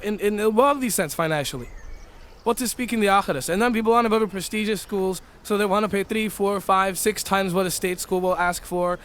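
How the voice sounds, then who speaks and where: A middle-aged man giving an Islamic lecture on a verse, animated and acting out the voices in his examples. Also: sits high. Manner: animated, acts out the voices of traders and arguers. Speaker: Islamic teacher. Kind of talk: tafsir lecture.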